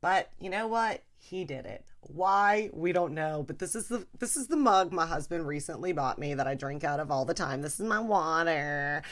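A middle-aged woman comedian hosting her own solo podcast, talking casually in an animated, frank way, with frequent laughter and playful swearing. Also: low voice, normal speed, few pauses.

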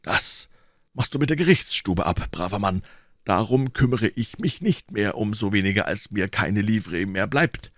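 A man's voice: on the low side, moderate pace, a bit bright, no echo, studio quality, close to an everyday voice. A man voicing a world-weary, hard-drinking musketeer, speaking in a grandly theatrical way. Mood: dismissive. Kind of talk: audiobook character voice.

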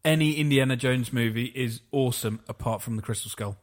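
A man's voice: medium pitch, fairly quick. A man in casual podcast chat, blunt and dismissive in his opinions.

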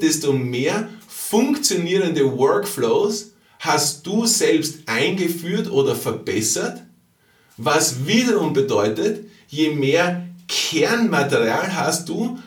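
A man delivers a motivational business monologue, hammering points home with repetition and questions to the listener. His voice sits slightly high and moves in lively leaps. He sounds a little distant from the mic, in a room with noticeable echo. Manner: emphatic, repetitive, rhetorical questions addressed to the listener. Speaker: podcast host and business coach.

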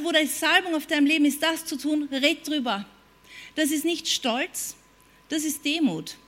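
A woman's voice: high voice, a bit bright. A woman preaching a sermon, emphatic, repeating her points and putting questions to her listeners. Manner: emphatic, repeats phrases and asks the audience questions.

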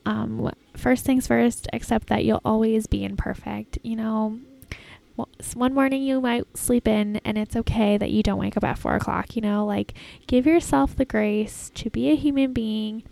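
Woman doing a chatty solo podcast in an airport terminal, soft mellow tone w some vocal fry, kinda halting. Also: fairly high pitch, fairly even intonation. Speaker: podcast host. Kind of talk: casual solo podcast talk, self-help advice.

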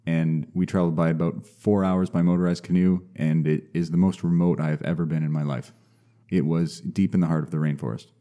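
A young man speaks as a guest on a casual podcast, his low voice dark and mellow in tone. He explains things in a measured way, pausing on fillers and restarting sentences as he goes. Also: little pitch movement. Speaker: mycologist guest.

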